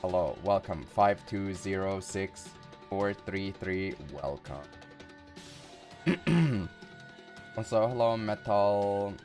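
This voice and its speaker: A man's voice: lowish voice, expressive, slow, long pauses, a little mellow, soft background music. A man streaming live, chatting casually and playfully with viewers in a rambling way.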